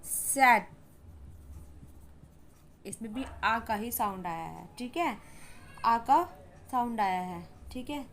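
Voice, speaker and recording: A woman's voice: on the high side, lively intonation, measured pace, a little hiss or hum. A woman giving an English pronunciation lesson in Hindi, patiently repeating example words and saying "ठीक है" often. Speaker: English teacher.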